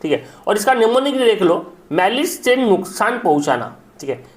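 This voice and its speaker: A male teacher with a notably high voice, running an exam-prep vocabulary lesson. He drills each word over and over and keeps checking that the viewer is following. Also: sing-song, normal speed. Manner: repetitive and coaxing, keeps saying "my brother" and "isn't it".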